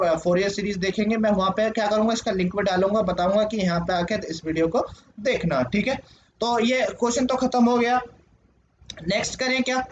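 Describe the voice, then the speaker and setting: A male teacher explaining a lesson at a board, asking questions and answering them himself, checking in with "okay" often. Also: sits high. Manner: frequent "ठीक है" check-ins. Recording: dull lo-fi sound with faint noise.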